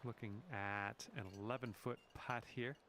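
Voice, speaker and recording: A man's voice: mid-range voice, fairly even intonation, normal speed, noisy background. A man giving sports commentary on a round of golf as a game commentator. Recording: music and crowd behind. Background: music, crowd.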